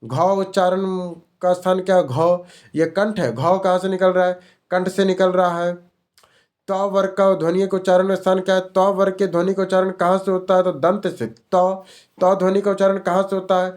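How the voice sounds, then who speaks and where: A man's voice: sits high, level tone, moderate pace, darkish tone. A male teacher running an exam-prep grammar lesson, repeating each question and answer as a drill.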